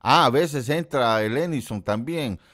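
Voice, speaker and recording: A man's voice: lively intonation, unhurried, a bit bright. A middle-aged man from Central America hosting a livestream, chatting casually with his viewers and teasing them. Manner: chatty, jokes and teases his chat; quotes people in a put-on high voice. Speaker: livestream host. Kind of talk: casual chat with live viewers.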